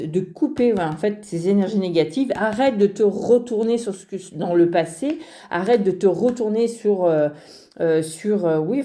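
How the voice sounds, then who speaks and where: A woman giving a casual card reading to her viewers, talking straight to them with many pauses and restarts. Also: mid-range voice, mellow. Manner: hesitant, many fillers and restarts, addresses viewer directly. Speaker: card reader. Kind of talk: casual spoken tarot reading.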